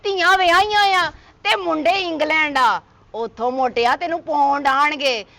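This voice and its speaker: A woman plays a middle-aged village matchmaker who heaps curses on anyone who annoys her. Her voice sits very high and rings bright and sharp as she scolds her way through a comedy sketch. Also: a little slow, gravelly, no room sound, heavily acted. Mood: teasing. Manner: scolding, curse-laden ranting. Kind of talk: comedy skit acting.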